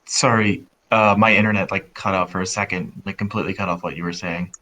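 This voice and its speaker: A man's voice: deep voice, fairly even intonation, fairly quick, bright, forceful tone, highs cut off. A man playing in a tabletop game stream, who talks in a hesitant, apologetic way. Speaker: player.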